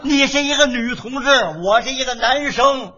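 A man's voice: very high-pitched, steady tone, moderate pace, highs cut off, very noisy. A man, a crosstalk comedian performing on stage in a boastful, blustering, playful manner. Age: 70s.

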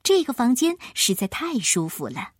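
A woman storyteller giving expressive scripted narration of a children's tale. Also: a little high, moderate pace, slightly rough, no room sound, studio quality.

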